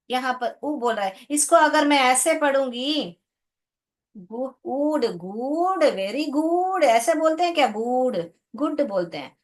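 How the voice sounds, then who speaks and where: A woman teacher explaining an English lesson to her class, patiently sounding out words and asking her students questions. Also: high-pitched. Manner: patient, calls students "beta", asks checking questions.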